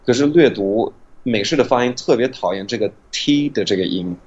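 Husky low-voiced man, patient teacher explaining pronunciation, dull lo-fi recording. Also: animated, darkish tone. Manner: patient, demonstrates sounds slowly.

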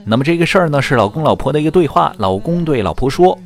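A man's voice: a little high, fast talker. Shanghainese guy cracking jokes, voice jumps all over, laughs at his own stuff, bit of music behind. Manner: lively, switches between Shanghainese and Mandarin, laughs at own jokes. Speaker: radio-style comedy host. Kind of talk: joke-telling monologue.

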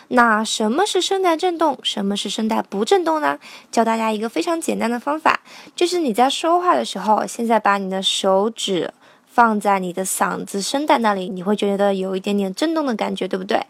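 A woman teaching a song line by line, patiently explaining pronunciation and slowly singing out each sound. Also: fairly high pitch, gravelly, no room sound.

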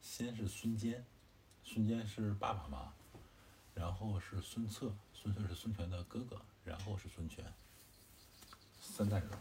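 A man retells an old tale in a relaxed, chatty way, pausing to explain and to quiz his listeners. His voice is very low and dark, with soft drawn-out particles. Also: a little hiss or hum. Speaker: storyteller. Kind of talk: casual explanatory story retelling.

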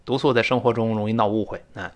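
A male English teacher with a fairly low pitch runs a spoken-English lesson, shifting from chatty, storytelling explanation to animated, slow, stretched-out demonstrations of word pronunciation.

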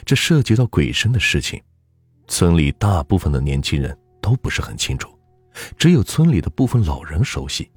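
Male storyteller, folk ghost tale, deep, husky, lively intonation, dry sound, faint music. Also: no echo. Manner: measured, steady storytelling.

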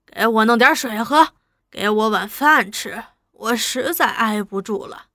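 A woman's voice: fairly high pitch, unhurried, a bit bright, dry recording, clean studio sound. A woman voicing an old man addicted to opium, pleading in a servile, wheedling way in a storybook reading.

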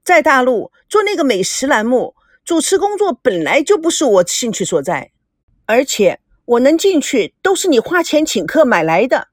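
A woman's voice: normal speed, no room sound, studio quality. A woman voicing an indignant young woman arguing back at her father. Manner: protesting, high and animated.

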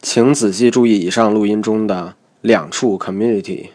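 A man narrating a recorded lesson on English pronunciation in a measured, methodical way. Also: on the low side, steady tone, a little mellow.

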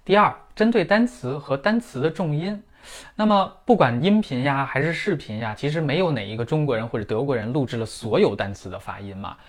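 A middle-aged man gives a pronunciation lesson and walks through each point step by step. His pitch rises and falls a lot as he stresses ideas. He is a native Chinese speaker with a steady, mid-range voice. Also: brisk. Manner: explanatory, clear and methodical, with vivid comparisons. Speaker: German pronunciation teacher. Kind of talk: scripted lesson in Mandarin.

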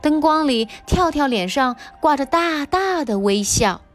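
A mother reading a children's picture book aloud to her kids, with an expressive, sing-song telling. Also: high voice, measured pace, soft background music. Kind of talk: children's storybook narration.

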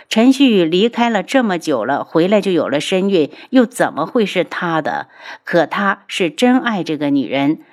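Low-voiced woman narrating a novel. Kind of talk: audiobook narration of a web novel.

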